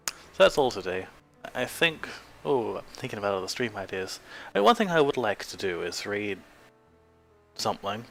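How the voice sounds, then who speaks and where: A young Australian man chatting casually on a stream, rambling and trailing off quietly. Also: lowish voice, gravelly.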